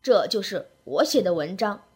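A man's voice: high-pitched, lively intonation, moderate pace, darkish tone, husky, pitched below the performer's own voice, heavily acted. A woman voicing a pompous, touchy old male writer who speaks in an indignant, self-important way, in a spoken story. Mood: huffy, proud.

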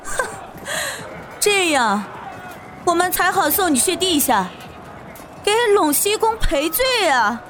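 A shrill, unhinged woman who has come for revenge, as a male storyteller puts her on, her voice leaping high and wild. She sneers and cackles in a slow, mocking drawl, like an audiobook villainess out of a wuxia tale. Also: big pitch swings, bright, forceful tone, faint music behind, full character voice. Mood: scornful. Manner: shrill, mocking, manic laughter. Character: vengeful, cackling middle-aged female wet nurse. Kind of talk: audiobook character voice.

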